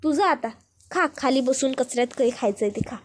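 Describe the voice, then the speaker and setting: A woman's voice: sits high, lively intonation, a little fast, slight background noise. A woman voicing an arrogant, bossy rich young man who scolds and dismisses. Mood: scornful.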